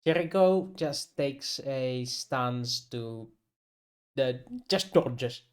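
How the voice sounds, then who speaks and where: A man's voice: mid-range voice, drawn-out words, clean tone. A man chatting casually as a player in a tabletop game over a video call.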